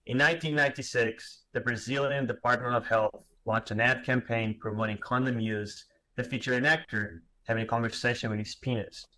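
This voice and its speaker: A man's voice: mid-range voice, a bit bright, poor audio. A man in his thirties from Portugal with a Portuguese accent, giving an online lecture in English with many fillers and restarts. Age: 30s. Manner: halting, many fillers and restarts, self-deprecating. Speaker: graphic designer giving a lecture.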